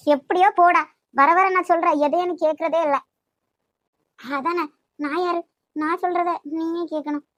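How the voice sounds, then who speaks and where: Woman doing a snappy young cartoon gal, kanyakumari tamil, high voice, dry sound. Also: moderate pace, no room sound, lightly acted. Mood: irritated. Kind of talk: amateur cartoon voice acting.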